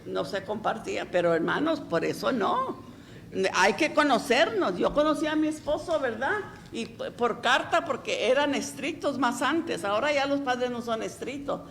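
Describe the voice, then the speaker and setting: Woman pastor, gravelly voice, chatty sermon, faint background noise. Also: fairly high pitch, lively intonation, moderate pace, fairly bright tone. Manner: chatty, folksy, frequent "¿verdad?".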